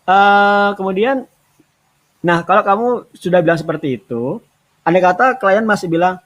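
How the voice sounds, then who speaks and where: A man hosting a talk show with an Indonesian accent, giving casual, relaxed advice with hesitations and restarts. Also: high-pitched, moderate pace. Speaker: podcast host giving remote work advice.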